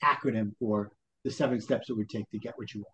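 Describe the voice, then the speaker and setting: A man's voice: on the low side, steady tone, quick pace, a bit bright, muffled recording. A man with a Brooklyn accent explaining things as a life coach in an interview, motivational, posing questions and voicing people's self-talk. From Brooklyn, New York. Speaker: life coach, podcast guest.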